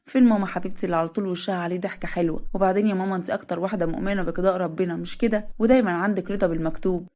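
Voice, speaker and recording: A woman voicing a gentle daughter with an Egyptian accent, soothing her mother. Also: fairly low pitch, steady tone, very fast, few pauses, close to an everyday voice.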